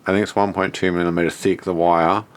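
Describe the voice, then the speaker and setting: This Australian-accented vlogger, sounding nasal and blocked up, walks viewers through the shed he built in a relaxed, off-the-cuff way while thinking aloud. He talks quickly in a low-pitched voice with little pitch variation.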